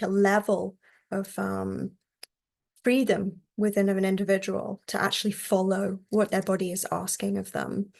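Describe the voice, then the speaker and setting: A woman teaching a class on therapy technique in a relaxed, conversational way, often checking in with her listeners. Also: medium pitch, creaky. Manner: acts out client and therapist voices.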